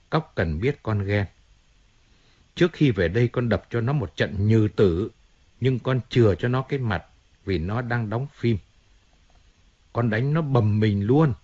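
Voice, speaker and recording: A man's voice: lowish voice, a little mellow, highs cut off. A man voicing a self-pitying middle-aged male singer who complains and pleads emotionally, in an audiobook reading.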